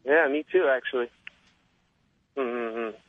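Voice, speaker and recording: A male caller who grew up in Japan talks in a hesitant, rambling way, filling his pauses with uhs. His voice sits at an ordinary middle pitch. He comes through a narrow, tinny phone line with a dry sound. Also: dry recording. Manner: hesitant, rambling, full of fillers. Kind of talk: phone-in conversation.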